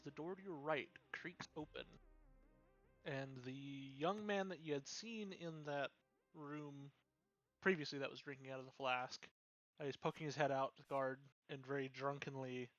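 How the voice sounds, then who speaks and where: A man's voice: a little high, normal speed, fairly bright tone, no echo. A young man narrating a tabletop game as dungeon master in a loose, rambling way with lots of fillers. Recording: dull lo-fi recording, faint music.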